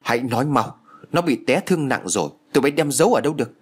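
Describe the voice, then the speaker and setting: A man's voice: medium pitch, animated, quick pace, husky, voice pushed up. A man playing a greedy, cunning older woman who screeches accusations in a storybook reading. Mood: scheming, accusing. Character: greedy shrewish older woman, shrill, furious.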